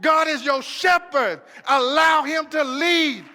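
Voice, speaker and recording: Male preacher, very high voice, sharp bright tone, emphatic repetition, echoey church hall. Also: takes it slowly, a little hiss or hum. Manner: emphatic, repetitive call-and-response. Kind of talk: sermon.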